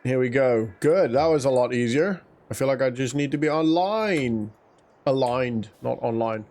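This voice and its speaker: Here a male gaming YouTuber, Afrikaans by first language, chatters casually through a farming game, rambling, talking to himself and chuckling now and then. The let's-play commentary comes at a moderate pace in a medium-pitched, slightly mellow voice.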